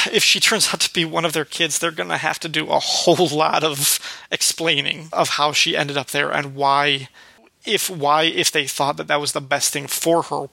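Bright, gravelly-voiced man musing aloud. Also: fairly high pitch, dry recording, rough recording. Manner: thoughtful, musing. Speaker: podcast host. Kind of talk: casual discussion.

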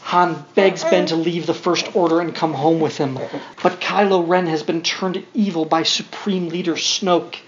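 Reading a storybook to his little boy, this man speaks at a moderate pace in a slightly high voice with fairly even intonation, tossing in casual, wry side comments. The lo-fi recording is dull, with a faint hiss of background noise.

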